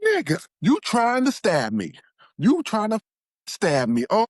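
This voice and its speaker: A man voicing his furious, abusive mother, yelling and cursing accusations at him. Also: mid-range voice, animated, a little fast, no echo, studio quality, voice pushed up, lightly acted. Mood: shrill.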